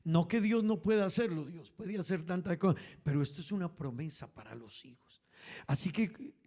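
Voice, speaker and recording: Male preacher, caribbean spanish accent, high voice, hushed to shouting, calls listeners brother. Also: normal speed. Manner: swings from hushed, low talk to loud, shouted preaching; keeps addressing listeners as "hermano". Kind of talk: Pentecostal sermon.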